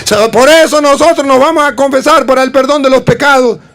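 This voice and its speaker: A man's voice: extremely high pitch, brisk, a bit bright, pitched above the performer's own voice. A man voicing an earnest young boy who eagerly pleads and recites scripture, within a sermon. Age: child.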